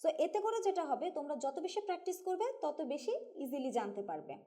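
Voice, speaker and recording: A woman with a Bangladeshi Bengali accent teaches an English grammar lesson. Her voice sits high yet sounds soft and mellow, and she works through each rule patiently, putting questions to her students as she goes. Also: big pitch swings, fast. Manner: patient, explains step by step and asks students questions. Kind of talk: classroom-style grammar lesson.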